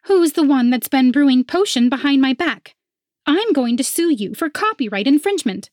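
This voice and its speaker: A shrill, snooty potion seller from a storybook, scheming and haughty, her voice pushed very high, as a woman narrator puts her on. Every line comes out sharp and superior in a dry, close recording. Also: lively intonation, normal speed, dry recording.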